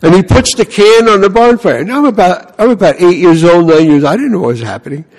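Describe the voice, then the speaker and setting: An older man from the Bronx with a New York accent, a priest giving an animated sermon and telling stories, often asking "huh?" and "you know". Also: sits high, a little fast, in a large hall.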